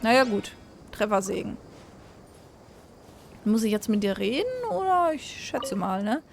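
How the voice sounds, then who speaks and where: A woman's voice: mid-range voice, very animated, a little slow, vocal fry, slight background noise. A woman streaming a video game, chatting and muttering to herself as she plays. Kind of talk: casual gameplay commentary.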